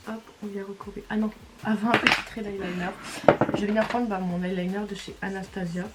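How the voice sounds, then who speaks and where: A woman's voice: medium pitch, little pitch movement, a little fast, heavy background noise. Chatty woman doing a makeup tutorial. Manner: casual, chatty, talks through each step. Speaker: beauty vlogger.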